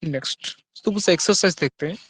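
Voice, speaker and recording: A man teaching grammar in Hindi, reading examples slowly and then asking his students quick questions. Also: on the high side, fairly bright tone, breathy edge, dry recording. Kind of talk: Hindi-English grammar lesson.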